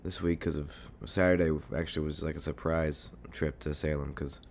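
With fairly even intonation and a moderate pace, a young man hosts his own podcast despite being sick and congested. His deep, hoarse voice is a little mellow, and his casual solo talk wanders, full of fillers and swearing, into a desk mic by his computer at home.

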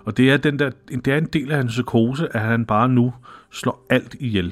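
A man in casual podcast chat, recapping a TV episode, swearing casually and acting out the characters' lines. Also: medium pitch. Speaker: podcast co-host.

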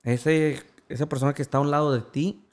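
A man's voice: fairly high pitch, fairly even intonation, brisk. A man, an interview guest earnestly retelling a personal story and quoting the voices of others.

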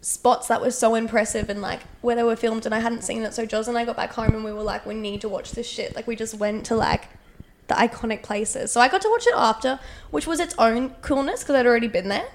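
A woman's voice: a little high, quick pace. A woman, teasing and giggling as a podcast co-host. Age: 20s. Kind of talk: casual chat. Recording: noisy recording with clicks.

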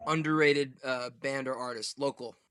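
A man hosting a casual interview, asking quick questions with enthusiastic reactions. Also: medium pitch, fairly even intonation, fairly bright tone, smooth, no echo, studio quality. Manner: upbeat, enthusiastic rapid-fire questions. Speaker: podcast host.

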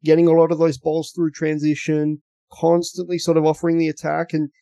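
A man's voice: on the high side, monotone, fairly quick, dark tone, no echo. An Australian man, a podcast contributor, giving blunt, rambling football analysis in casual chat, often repeating words.

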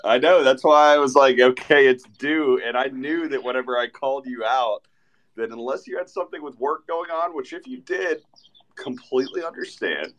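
A man hosting a casual live audio chat from a festival, relaxed and rambling. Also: medium pitch, moderate pace. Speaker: host. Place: festival event in Austin.

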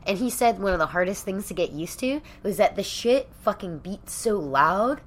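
A woman's voice: medium pitch, animated, normal speed. A woman co-hosting a podcast in casual chat, blunt and swearing freely. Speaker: podcast co-host.

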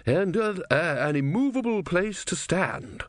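A man voicing an absent-minded old male philosopher who talks in a vague, excitable way. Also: a little slow, no room sound, studio quality. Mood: dotty. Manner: vague, excitable, high and wavering.

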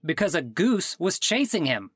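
A man's voice: sits high, big pitch swings, moderate pace, a bit bright, husky, no echo, clean studio sound, exaggerated voice. An actor playing an exasperated man whose clone died, sarcastic and indignant in a comedic audio drama.

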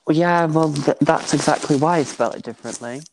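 A man's voice: fairly high pitch, fairly quick, background noise. A man with a Scottish accent, a drag queen guest chatting playfully and with plenty of enthusiasm. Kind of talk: casual chat.

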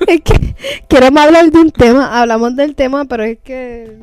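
A woman's voice: sits high, moderate pace, a little mellow, clean tone. A Puerto Rican woman co-hosting a casual podcast chat in Spanglish, dropping English words into her Spanish. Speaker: podcast co-host.

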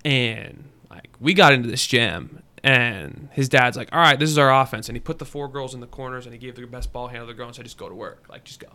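A young male podcast host keeps up a quick, chatty interview and trades stories with his guest. His voice is bright and forward, and he talks fast and loose. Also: mid-range voice. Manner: chatty, relaxed, quick to jump in. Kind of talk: casual interview chat.

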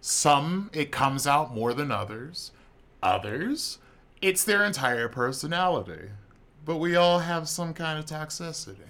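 A man's voice: fairly high pitch, big pitch swings, a little slow, fairly bright tone. A man co-hosting a podcast about a card game, asking teasing questions in a playful, casual way. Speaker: podcast co-host. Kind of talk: casual chat.

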